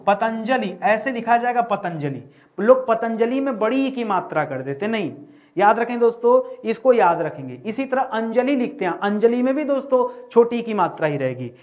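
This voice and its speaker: A man's voice: extremely high pitch, animated, moderate pace, darkish tone, lo-fi sound. A man teaching a grammar lesson for exam preparation. He repeats key words and quizzes students with rhetorical questions.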